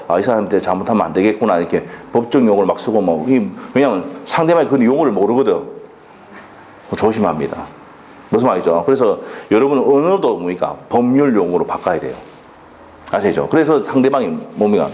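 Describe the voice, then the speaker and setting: A man's voice: on the low side, very animated, fairly quick, a little mellow. A man lecturing on law for an exam, quizzing students with rhetorical questions and blunt dialect jokes.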